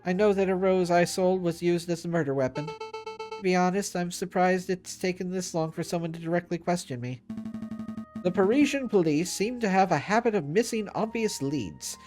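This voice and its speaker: A man's voice: high voice, moderate pace, darkish tone, soft background music, lightly acted. A man voicing a young female swan flower seller in a game, polite and businesslike.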